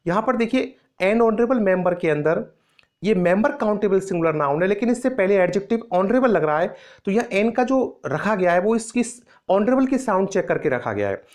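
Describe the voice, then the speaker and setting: A woman teaching an English grammar lesson in Hindi, patiently repeating each example phrase slowly. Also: mid-range voice, lively intonation, a little mellow.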